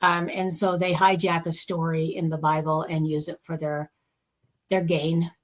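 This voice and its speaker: A woman's voice: sits low, level tone, measured pace. A woman co-hosting a podcast, casually and emphatically talking through her views on a scripture reading. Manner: opinionated, emphatic, talks through her reasoning. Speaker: podcast co-host.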